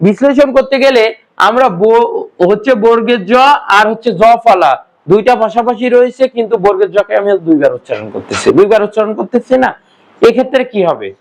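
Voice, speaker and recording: Male grammar teacher with a strikingly high voice; patient classroom lecturer who quizzes his students and answers himself. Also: expressive, brisk, poor audio. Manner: patient step-by-step explaining.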